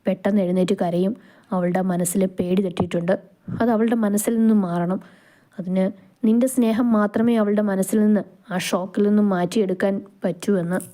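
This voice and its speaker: A woman's voice: medium pitch, fairly even intonation, brisk, mellow, close to an everyday voice. A woman reading the lines of a protective, tender young groom in a storybook romance.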